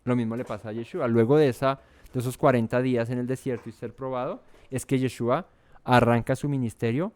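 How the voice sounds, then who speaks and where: Man, Bogotá Colombian accent, Bible study teacher, smooth resonant voice, conversational, frequent tag questions. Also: mid-range voice, fairly even intonation, fairly quick, a little mellow. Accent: Bogotá Colombian Spanish. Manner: conversational, asks "¿cierto?" and "¿no?" often, with many restarts.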